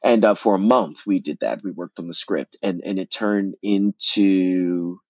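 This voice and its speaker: A man, an actor and playwright, telling his story as an interview guest in an animated way, often repeating words and restarting. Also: low voice, unhurried, dry recording, lo-fi sound.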